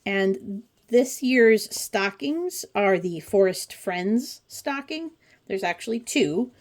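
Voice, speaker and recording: An informal craft host in her forties offers casual commentary while flipping through a pattern book, her delivery chatty and dryly humorous with wry asides. Her mid-range voice is expressive, and she speaks slowly.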